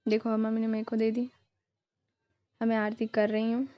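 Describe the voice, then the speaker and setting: A woman's voice: a little high, completely flat delivery, normal speed, no room sound, muffled recording. A young woman vlogger narrating her family's festival video in a casual, chatty way, dropping in English words now and then.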